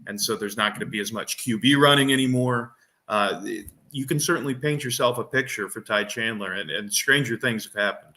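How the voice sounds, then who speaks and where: A man's voice: mid-range voice, brisk, pushed and bright. A man co-hosting a fantasy football podcast, explaining his reasoning in casual chat and thinking aloud with frequent restarts and fillers.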